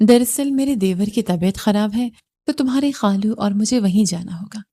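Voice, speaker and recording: A worried middle-aged aunt handing out gentle, motherly instructions, as a woman reader puts her on. Her voice is a little raised and louder than the reader's narrating voice, and the tone stays mellow. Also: medium pitch, natural voice. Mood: concerned.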